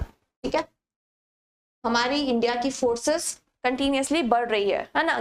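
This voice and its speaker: A young woman teaching a grammar lesson to exam students, explaining patiently and answering her own questions to the class. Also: sits high.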